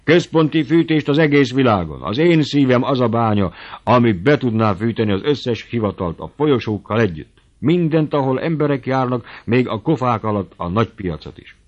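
A man voicing an old man who is a fiery, boastful dreamer, speechifying grandly and loudly, in a storybook reading. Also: medium pitch, expressive, lo-fi sound, voice pushed up, lightly acted. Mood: fervent.

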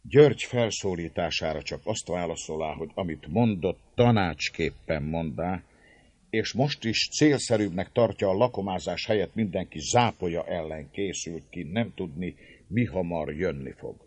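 A man narrating an audiobook in an expressive storytelling manner. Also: low-pitched, husky, no room sound. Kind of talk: audiobook narration of a historical novel.

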